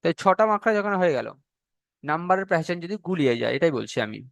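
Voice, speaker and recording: A man teaching a class on pronouncing Arabic letters, slow and repetitive, drawing out each letter sound and checking in with his students. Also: a little high, expressive, gravelly, a bit bright, no echo. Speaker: Quran recitation teacher. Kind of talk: classroom lesson on letter pronunciation.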